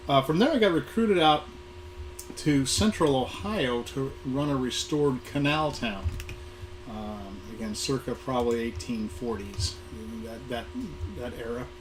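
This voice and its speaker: Reminiscing informally, a middle-aged or older American man from Southern California, a guest speaker and museum programming manager, talks in a hoarse, average-pitched voice while getting over an illness. He halts, repeats small words, and pauses to find the next. The noisy live recording carries room ambience.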